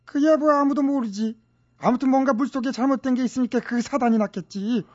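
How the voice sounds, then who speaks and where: A woman's voice: sits high, fairly quick, darkish tone, dry recording. A woman playing a naive employee who talks back to her boss in a radio comedy sketch. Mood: grumbling. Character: meek female employee with a dialect. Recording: dry, slightly dull radio studio.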